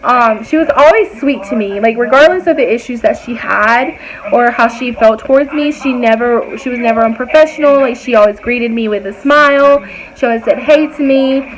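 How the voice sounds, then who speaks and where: A woman's voice: a little high, moderate pace, rough recording. A young woman vlogger telling a personal story in a casual, rambling way, full of fillers and acted quotes.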